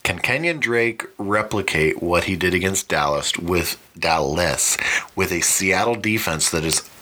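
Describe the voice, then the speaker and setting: A man's voice: sits low, lively intonation, a little slow, bright, forceful tone. A man hosting a podcast, giving fantasy football matchup commentary in a wry, mock-dramatic announcing manner. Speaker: podcast host.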